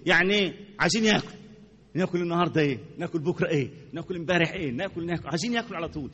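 Animated Egyptian preacher in a reverberant hall. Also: male voice, a little high, rapid-fire, a little hiss or hum. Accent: Egyptian Arabic. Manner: animated, repeats words for emphasis, asks the congregation questions. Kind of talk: sermon.

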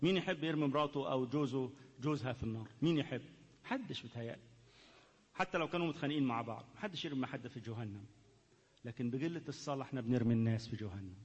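A man with an Egyptian Arabic accent, a pastor preaching and leading prayer, fervent and repetitive, moving between hushed pleading and loud calls. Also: medium pitch, very fast, husky, big-room sound, highs cut off. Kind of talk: sermon and led prayer.

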